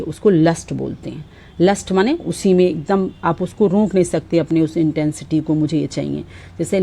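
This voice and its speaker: A woman teaches vocabulary. Her voice sits low and sounds mellow. She reads each example sentence slowly and carefully before explaining it. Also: vocal fry, slightly rough. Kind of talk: explaining word meanings.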